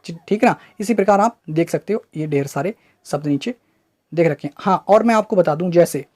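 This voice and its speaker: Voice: mid-range voice, brisk, darkish tone. A teacher giving an online exam-prep grammar lesson, quizzing listeners with questions they then answer and checking in with "right?" after nearly every point. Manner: keeps checking understanding with "right?" tags.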